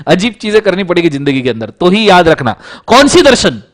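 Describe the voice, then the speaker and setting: A man's voice: high voice, sing-song, fairly quick. A man giving a classroom law lecture who teaches playful mnemonics, repeats them many times, mixes in English terms and keeps asking if everyone understands.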